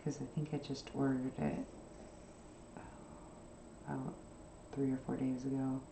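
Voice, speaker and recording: A woman hosting a craft channel, chatting casually and softly while she sews, rambling from one subject to the next with plenty of fillers. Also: very deep voice, level tone, unhurried, echoey room, noisy background. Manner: rambling, soft-spoken, with frequent fillers. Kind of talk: casual chat while sewing.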